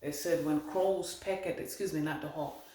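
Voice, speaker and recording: Speaking at a normal pace in a fairly high, even, slightly mellow voice, this male medium wanders through a channeled card reading. He muses aloud as he relays messages from spirits, and the recording carries a roomy echo.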